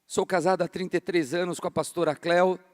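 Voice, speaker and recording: Fervent pastor in a reverberant church. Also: male voice, high-pitched, steady tone, fast talker. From Brazil. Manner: fervent, casual, says "cara" a lot. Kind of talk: sermon. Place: large church hall. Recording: long hall reverb.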